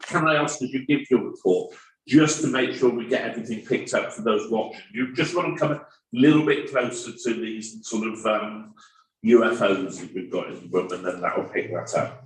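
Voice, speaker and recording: In a council meeting room, a man leading a town meeting trips over his words and repeats himself when speaking without a script. His voice is medium-pitched at a normal speed, and the recording catches him from far away in a spacious hall.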